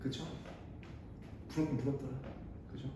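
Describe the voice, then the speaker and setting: A man's voice: medium pitch, little pitch movement, moderate pace, mellow. A man teaching a math class, chatty and digressive, bantering with his students in a casual way. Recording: echoey room, mic at a distance, faint noise.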